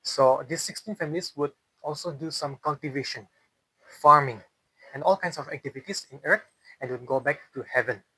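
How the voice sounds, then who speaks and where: In a rough recording without echo, a man's slightly high, fairly quick voice comes across pushed and bright with a breathy edge. Being interviewed, he tells a folk tale off the cuff in a Northeast Indian accent, explaining along the way and often repeating or rephrasing.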